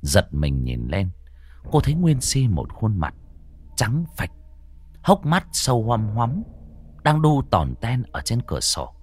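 A man narrating a horror story in an expressive, dramatic way. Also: fairly low pitch, takes it slowly, pauses often, a little hiss or hum.

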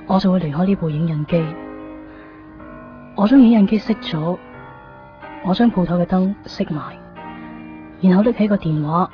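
In a wistful Cantonese radio drama monologue, an actress plays a melancholy young woman quietly leaving her love behind. Her voice is lowish and lightly acted, and the recording has the dull lo-fi sound of 1990s radio.

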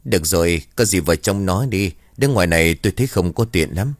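A man voicing a grave elderly village man who speaks in a measured way. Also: sits low, expressive, no echo, clean studio sound.

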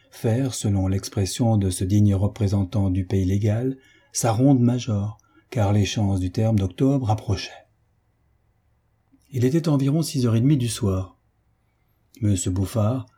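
A man narrating a classic novel as an audiobook, measured and steady. His voice is low and husky, with a very dark, mellow tone. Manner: measured, storytelling.

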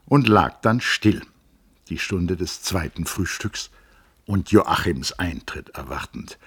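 A man reads a classic novel aloud in a very low voice with a husky grain. His delivery is measured and expressive, with each sentence shaped with care. It is the sound of a literary audiobook reading. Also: dry recording. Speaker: audiobook reader.

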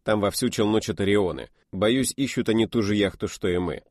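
A man reading an audiobook voices a commanding male officer who gives crisp, businesslike orders. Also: fairly low pitch, fairly quick, darkish tone, dry recording, studio quality, close to an everyday voice.

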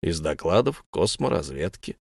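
Guy reading curt stubborn prisoner, flat level answers, dry close audiobook. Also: low voice, normal speed, creaky, breathy edge, no room sound, pitched below the performer's own voice, exaggerated voice. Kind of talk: audiobook character voice.

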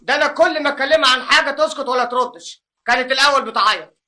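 A sulky, defiant young Egyptian husband in a radio drama. His voice sounds high and very bright, and he talks extremely fast. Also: heavily acted. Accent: Egyptian Arabic.

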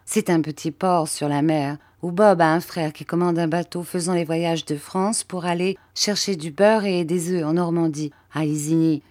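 A woman's voice: on the low side, fairly even intonation, moderate pace, few pauses, a little mellow, dry recording, clean studio sound, natural voice. A woman reading the part of an eager, emotional young boy in an audiobook. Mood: earnest. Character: boy Mathia, loyal and excited friend.

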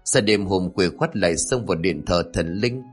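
A man's voice: sits low, expressive, moderate pace, breathy edge, soft background music. A man voicing a scheming, frightened village woman who snaps back defensively in a horror story. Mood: panicked.

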